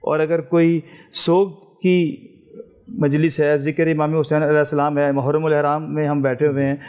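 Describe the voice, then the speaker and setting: High-voiced man judging a recitation. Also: flat delivery, normal speed, darkish tone, clear, resonant tone. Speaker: competition judge. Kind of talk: critique in a recitation contest.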